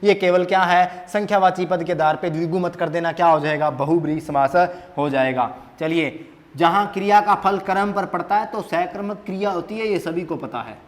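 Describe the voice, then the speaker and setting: Guy teaching grammar at a board, high voice, keeps asking then answering himself, echoey classroom. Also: normal speed. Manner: asks questions and answers them himself; repeats key words, emphatic. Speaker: Hindi teacher. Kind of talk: exam answer key lesson at a board.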